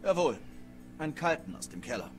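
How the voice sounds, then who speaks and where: An actor voicing a cheeky young blacksmith's son in a medieval game, over game music. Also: male voice, fairly high pitch, big pitch swings, fairly quick.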